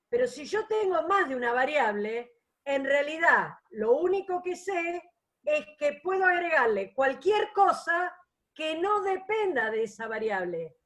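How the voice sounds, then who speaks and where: Woman, high voice, patient explanations, online math lecture. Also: a bit bright. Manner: patient, explanatory, checks for understanding. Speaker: math teacher.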